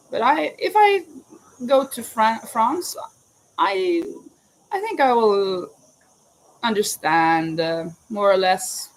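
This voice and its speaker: A medium-pitched voice with a Norwegian accent, recorded roughly with a little hiss or hum, belongs to a woman from Norway crocheting live. The crochet vlogger and teacher answers viewers' questions casually, chatty and self-correcting with a bit of rambling, from her home in Spain where crickets sound outside.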